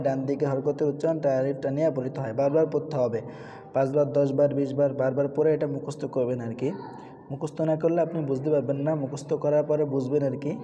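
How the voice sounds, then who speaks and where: A man teaching Quran reading, patiently spelling out letters and chanting the words in a raised, drawn-out voice. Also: mid-range voice, warm tone, dull audio. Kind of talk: spelling out and drilling Quran recitation. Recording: reverberant room with faint background noise.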